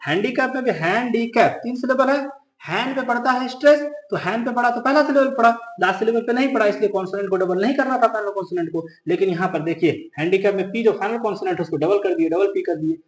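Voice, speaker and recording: A male teacher runs through a grammar lesson with a high, light voice, firing short questions and answering them himself. He slows down to repeat each rule word by word, and the sound rings around a roomy, echoey space. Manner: drills students with quick questions he answers himself; repeats key rules slowly for emphasis. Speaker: English teacher. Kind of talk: grammar lesson explained in Hindi.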